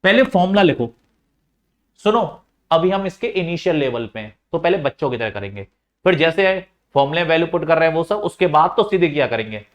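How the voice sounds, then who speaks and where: A man's voice: on the high side, animated, a little fast. Man coaching students through maths steps. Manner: coaxing, repeats key steps, talks straight to students. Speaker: teacher. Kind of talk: chalkboard maths lesson.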